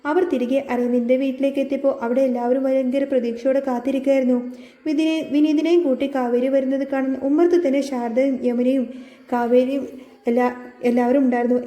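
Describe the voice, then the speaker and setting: A woman's voice: high-pitched, warm tone, reverberant. A woman retelling a serial episode as a story, reading it aloud and voicing every character in her own voice. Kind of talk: scripted narration.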